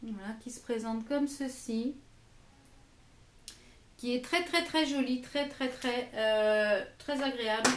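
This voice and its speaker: A French woman reviews lipsticks in her own beauty vlog, hesitant and full of fillers and repeated words. Her voice is a little high, she speaks at a slow pace with frequent pauses, and the sound is roomy.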